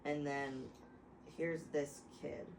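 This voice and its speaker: Lady with a lowish voice rambling thru a jokey lecture, keeps restarting, faint hiss behind. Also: level tone, slow pace, reverberant. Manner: rambling, self-interrupting, laughs often. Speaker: host explaining to friends. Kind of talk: casual chat, mock lecture.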